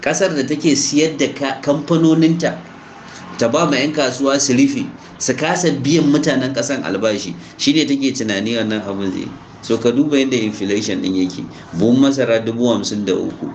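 A man's voice: mid-range voice, a little mellow. A man from Nigeria with a Hausa accent giving informal, emphatic commentary, mixing languages and exhorting listeners with rhetorical questions. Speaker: online crypto commentator. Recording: noisy amateur recording with background ambience.

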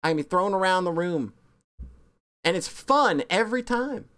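Bubbly rambling woman streamer, lively pitch. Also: normal speed. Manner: bubbly, rambling, self-mocking, with sudden squeaky high bursts. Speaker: VTuber streamer. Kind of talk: casual stream chat reviewing fan art.

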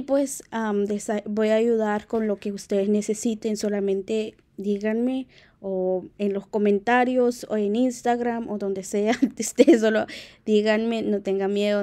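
A young woman, a native Q'anjob'al speaker, giving a casual, friendly language tutorial, often halting and correcting herself. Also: mid-range voice. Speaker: language teacher on video.

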